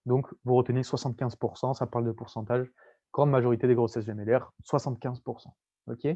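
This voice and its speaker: A man's voice: mid-range voice, little pitch movement, a little fast, dark tone, muffled recording. A young man tutoring students online, explaining with jokes, playful mnemonics and chatty asides to the viewers. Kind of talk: casual lecture with mnemonics.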